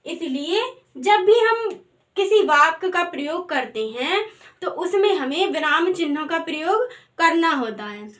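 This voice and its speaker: A woman's voice: very high-pitched, expressive, measured pace, a bit bright. A woman teaching a grammar lesson in a patient way, asking the class questions and answering them herself.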